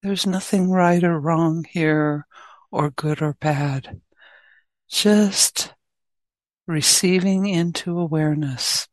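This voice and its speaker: In a fairly low voice, a woman leads a guided meditation as a teacher, offering soft, short phrases with long silences in between. The recording is dry.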